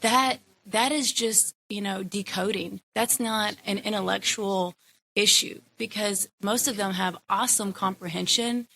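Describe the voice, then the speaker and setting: A woman's voice: medium pitch, fairly even intonation, measured pace, creaky, bright, forceful tone. A woman in her thirties, a guest in an interview, talking casually with lots of fillers. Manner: casual, chatty, many fillers. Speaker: guest, educator and mother. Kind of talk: conversational interview.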